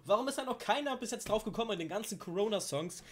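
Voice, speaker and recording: A German man giving casual, excitable commentary while reacting to a rap track, talking to his viewers as friends and often repeating his phrases. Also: high voice, fast talker.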